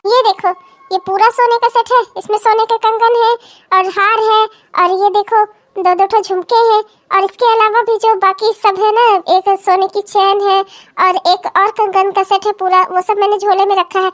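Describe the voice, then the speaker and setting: A scheming old cartoon mother-in-law who rules her household with threats and coos over her own daughters. The voice is shrill and very high, with a bossy, scolding bite. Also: level tone, moderate pace. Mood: doting. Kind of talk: cartoon comedy voice acting.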